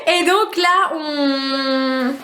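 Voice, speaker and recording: A young woman with a regional French accent, vlogging casually into a handheld camera, chatty and quick to laugh. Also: high-pitched, pushed and bright, slight background noise. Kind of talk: casual vlog chat.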